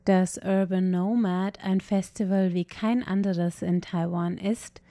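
Mellow-voiced woman narrating a radio feature. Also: mid-range voice, fairly even intonation, slow pace, dry recording, clean studio sound. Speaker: culture reporter.

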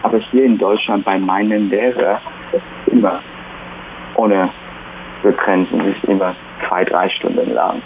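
Young man speaking haltingly on a phone line. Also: low-pitched, steady tone, a little hiss or hum. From Taiwan. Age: young adult. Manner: halting non-native speech, many pauses. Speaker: music student. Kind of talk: phone interview.

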